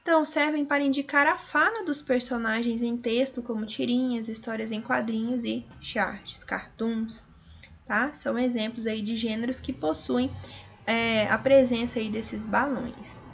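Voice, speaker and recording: A woman teacher from Brazil talks through a revision lesson with a slightly high voice. She explains patiently, point by point. She keeps stopping to check that her students are following. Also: steady tone, unhurried, gravelly, a little hiss or hum. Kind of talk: recorded online revision lesson.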